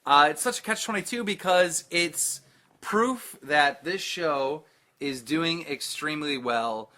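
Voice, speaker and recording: A man's voice: a little high, slow pace. A man co-hosting a podcast, telling profane stories in a casual chat and mimicking other people's voices as he retells them. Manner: animated, profane storytelling. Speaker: podcast co-host.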